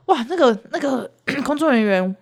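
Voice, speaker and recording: Lively high-voiced woman. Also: normal speed, gravelly. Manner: lively storyteller, acts out quotes loudly. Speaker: podcast co-host. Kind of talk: casual chat.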